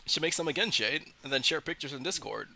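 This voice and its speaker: A male streamer in casual live reaction chat. His voice is very creaky and gravelly, with a bright, forward edge. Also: on the high side, lively intonation, fast talker.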